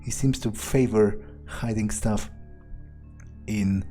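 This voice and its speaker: A man with a low, warm voice and fairly even intonation takes his time as he plays a video game in character. He's a streamer roleplaying, muttering sardonic remarks laced with lots of swearing while game music plays behind him.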